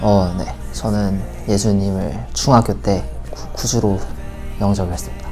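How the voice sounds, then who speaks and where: A nineteen-year-old man answers interview questions in a fairly low voice. He speaks hesitantly. His sentences fall quiet at the end. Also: steady tone, moderate pace, faint music behind. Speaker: student interviewee.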